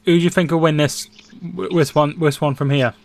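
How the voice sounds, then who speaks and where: A young man from England chats through a football watchalong stream, reading viewer comments aloud as they come in. His voice sits a little high for a man. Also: steady tone, a little fast. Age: 20s. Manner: chatty, reads out viewer comments. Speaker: livestream co-host. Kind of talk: casual football watchalong chat.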